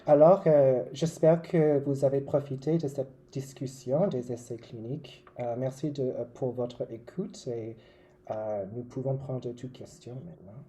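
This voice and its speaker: A presenter giving a formal slide talk in a halting, measured way. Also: medium pitch, mellow, slight background noise.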